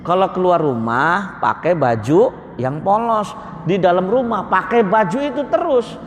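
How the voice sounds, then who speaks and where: A man's voice: high voice, unhurried, slight background noise. Man preaching in a reverberant mosque. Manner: lively storyteller who acts out everyday dialogues. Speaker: Islamic preacher. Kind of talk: conversational mosque sermon. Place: mosque hall. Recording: long reverb of a mosque hall.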